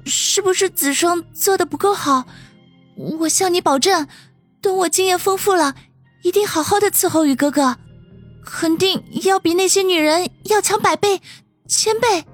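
A woman's voice: extremely high pitch, normal speed, faint music behind. A woman voicing a shy, lovesick young girl. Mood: pleading. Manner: pleading, tearful and sweet.

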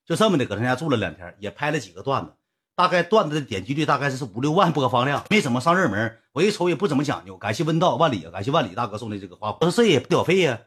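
A man with a Northeastern Mandarin accent tells a long story to his livestream viewers and keeps bantering with them along the way. His voice is husky and a little rough, and he talks fast. The telling is loose and full of slang. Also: mid-range voice, sing-song, fairly bright tone. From Northeast China. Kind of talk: casual storytelling to a live audience.

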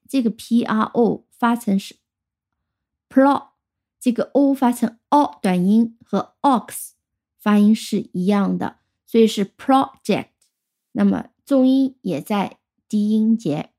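Woman teaching English words, mellow voice. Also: a little high, expressive. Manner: explains clearly, spells out letters and sounds words out slowly. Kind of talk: recorded vocabulary lesson.

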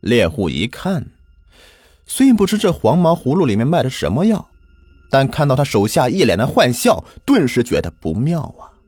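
A man hosting and narrating a folk ghost story in a lively, colloquial storyteller's style. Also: medium pitch, moderate pace, husky, no room sound. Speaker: host and storyteller.

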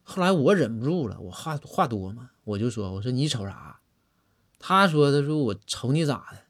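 A man's voice: medium pitch, very animated, moderate pace. A man voicing a talkative woman who rambles on to justify a street brawl. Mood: explaining.

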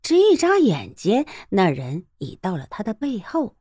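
A woman narrating a storybook novel in a lively, expressive way. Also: mid-range voice, measured pace, husky, dry recording, studio quality. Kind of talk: audiobook storytelling.

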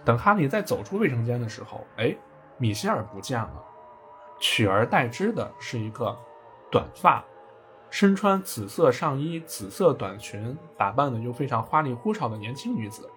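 A man's voice: medium pitch, big pitch swings, normal speed, fairly bright tone. Chatty guy retelling a game plot, jokey asides, faint music underneath. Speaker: podcast storyteller. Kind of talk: casual game story retelling.

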